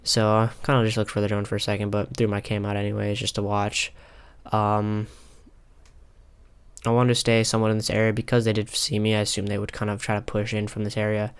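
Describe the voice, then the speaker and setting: Young man, casual gameplay commentary, halting with fillers, smooth clear voice. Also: fairly low pitch. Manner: halting, many filler ums, calm and analytical. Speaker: gamer reviewing his own ranked match. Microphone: console headset mic.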